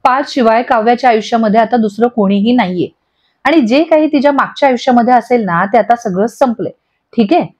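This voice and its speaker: A woman's voice: on the high side, fast, darkish tone, natural voice. A woman voicing a husband who soothes his wife and explains things firmly. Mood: reassuring. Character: reassuring husband, man. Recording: dull lo-fi audio.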